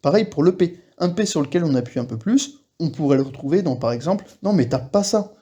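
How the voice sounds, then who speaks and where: Male teacher, casual online lesson, slightly raised pitch, husky and mellow voice, patient explanations. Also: animated, fast. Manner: explains patiently, acts out short example phrases. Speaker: Korean language teacher.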